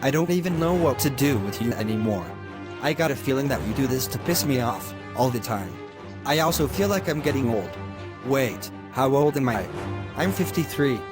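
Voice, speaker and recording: A man's voice: medium pitch, lively intonation, moderate pace, music in the background. A man voicing a stern middle-aged judge in a homemade animation, lecturing at length and sounding exasperated. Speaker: narrator and voice actor of an animation.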